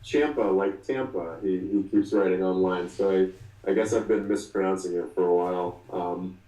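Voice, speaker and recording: A man's voice: low voice, little pitch movement, warm tone, reverberant, far from the mic, low-quality recording. A man in his twenties talking through an interview as the guest, often restarting and filling with ums. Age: 20s. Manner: halting, many restarts and fillers. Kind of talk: casual interview.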